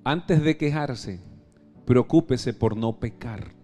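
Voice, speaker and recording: Venezuelan pastor preaching a live sermon. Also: male voice, slow, faint music behind. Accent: Venezuelan Spanish. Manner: preaching with call-and-response questions to the congregation; emphatic, swings between loud exclamations and soft low asides. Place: church service.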